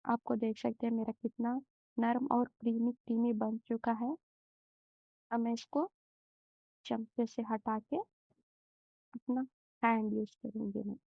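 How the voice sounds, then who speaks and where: Gentle and unhurried, a young cooking-channel host demonstrates a recipe one step at a time, often pausing and hesitating. Her flat, fairly high voice has a gravelly fry, recorded dry and muffled with no echo, as though in a home kitchen.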